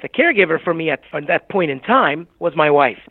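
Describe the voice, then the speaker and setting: A man's voice: a little high, lively intonation, brisk, slightly rough, dry recording. A man in his seventies, a guest in a conversational interview, telling his story in a gracious, chatty way with some hesitations. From Puerto Rico, raised in Southern California. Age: 70s. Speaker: guest, agency CEO. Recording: tinny phone-like remote line.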